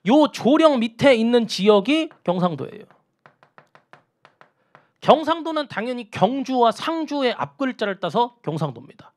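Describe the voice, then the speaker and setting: Man lecturing with lively high pitch. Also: moderate pace. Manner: asks students questions and answers them himself; repeats key terms for emphasis. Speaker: Korean history lecturer. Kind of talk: exam-prep lecture.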